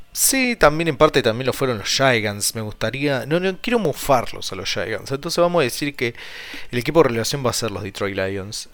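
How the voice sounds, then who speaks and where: A man with an Argentine Spanish accent casually hosts a solo sports podcast, rambling and repeating himself while his mouth is sore from a split lip and a cut tongue. His voice is medium-pitched, with no room sound in the recording.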